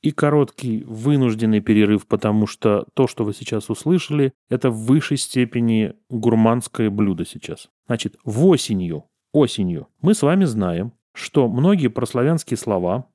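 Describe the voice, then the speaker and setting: Mellow, dry-sounding male Russian lecturer. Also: mid-range voice, no room sound. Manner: erudite, conversational asides. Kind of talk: explanatory lecture.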